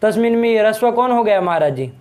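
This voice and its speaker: A man's voice: high-pitched, expressive, fast, a little mellow, a little hiss or hum. A man teaching a Sanskrit grammar lesson in a classroom, prompting students with questions and repeated checks for understanding.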